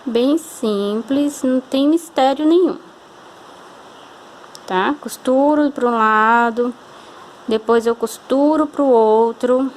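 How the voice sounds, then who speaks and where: Slow and with long pauses, a Brazilian woman with a high voice teaches hand sewing, a little hiss or hum in the background. Speaking with a Brazilian Portuguese accent, she goes patiently step by step and frequently checks on the viewer.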